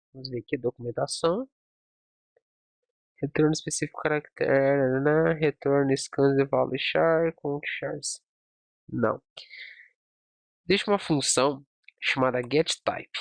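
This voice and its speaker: A man's voice: mid-range voice, creaky, no room sound. A man teaching programming in a screen-recorded tutorial, talking through code step by step and checking in with his listeners.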